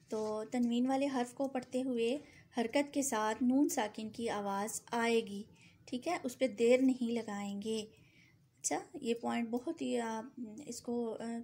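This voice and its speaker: A woman teaching Quran recitation rules with a sore throat, patient and repetitive, stretching out example words slowly. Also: a little high, dark tone, a little hiss or hum. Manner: patient, repeats points, slows down for drawn-out example words. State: sore throat, clearing it often. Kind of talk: tajweed lesson.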